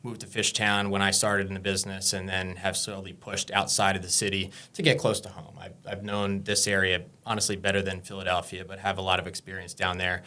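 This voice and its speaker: Young man, low voice, relaxed guest talk, small studio, from pennsylvania. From Pennsylvania, USA. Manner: easygoing, modest, some filler pauses. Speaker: real estate broker, podcast guest. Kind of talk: casual interview chat.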